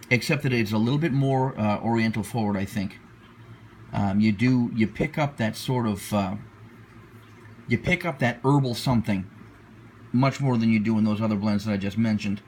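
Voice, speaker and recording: Man giving a casual review over background noise. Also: mid-range voice. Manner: hesitant, searching for words, repeating himself. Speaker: pipe tobacco reviewer. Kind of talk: casual unscripted product review.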